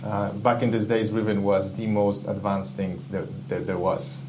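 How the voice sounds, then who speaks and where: Low-voiced man. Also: moderate pace. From Ecuador. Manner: enthusiastic, reflective, searching for words. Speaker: guest, game UI/UX artist. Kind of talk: casual interview chat. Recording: steady background hum.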